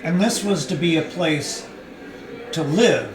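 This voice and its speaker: In an echoey, roomy live reading, a man with a fairly high voice speaks slowly as he voices a character from a novel. The role is an earnest, probing friend who's mildly annoyed, delivered with a questioning manner.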